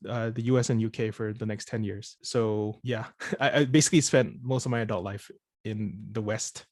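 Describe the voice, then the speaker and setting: A man's voice: lowish voice, fairly even intonation, moderate pace, no echo, clean studio sound. A man from Singapore answering questions in casual conversation, often restarting and repeating words. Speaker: presenter of the course session.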